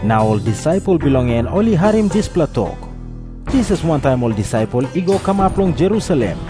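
A man's voice: a little high, sing-song, a little fast, over music. A man with a Papua New Guinean accent narrating scripture as a scripted story.

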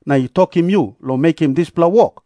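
A man's voice: a little high, brisk, mellow, no room sound, natural voice. A man with a Papua New Guinean accent playing a challenging, suspicious chief priest in an audio Bible drama. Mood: demanding.

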